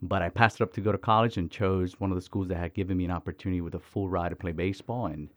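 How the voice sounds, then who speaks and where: A man from the Dominican Republic with a very deep voice tells his own story as an interview guest. He talks in lively bursts with plenty of fillers and restarts, recorded dry and close. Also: rapid-fire, no echo. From Dominican Republic, raised in Miami. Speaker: guest, mission organization director.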